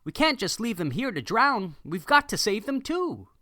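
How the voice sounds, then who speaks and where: A man's voice: high-pitched, very animated, moderate pace, bright, forceful tone, no echo, studio quality, voice pushed up, heavily acted. A man voicing an honest, worried male ship captain who pleads in formal old-fashioned speech in a storybook. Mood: pleading.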